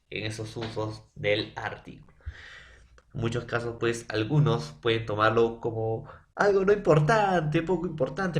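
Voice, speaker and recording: A male teacher with a Peruvian Spanish accent, explaining grammar step by step and asking and answering his own questions, sometimes dropping to a soft whisper. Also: mid-range voice. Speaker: school teacher. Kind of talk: grammar lesson.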